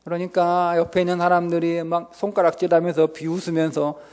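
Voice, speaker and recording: High-voiced, dramatic male preacher. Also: flat delivery, a little fast, smooth. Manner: dramatic swings from loud to whispered. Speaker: pastor. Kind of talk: revival sermon. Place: church sanctuary. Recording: reverberant church hall.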